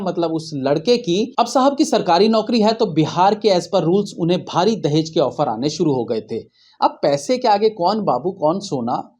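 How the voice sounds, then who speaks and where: Sarcastic, high-voiced male news host. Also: a little mellow. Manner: mocking, sarcastic asides.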